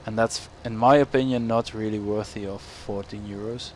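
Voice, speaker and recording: A young man with a Dutch accent and a fairly low, evenly pitched voice talks at normal speed over farming game footage, rambling, self-correcting, and chuckling now and then. It's casual gameplay commentary from a gaming YouTuber, backed by game engine noise, farm machinery, and ambient game sounds.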